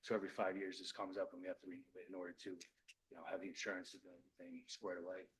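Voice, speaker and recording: A man who is a police lieutenant, addressing a village board meeting, choked up and halting, apologizing and repeating words as he explains. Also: low-pitched, little pitch movement, slight background noise, poor audio. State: choked up with emotion. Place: municipal meeting room.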